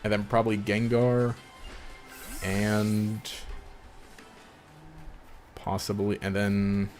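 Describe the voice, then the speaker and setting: A man's voice: lowish voice, completely flat delivery, slow pace, darkish tone, soft background music. A man casually commenting on his own gameplay during a live stream, rambling, laughing often and trailing off mid-sentence.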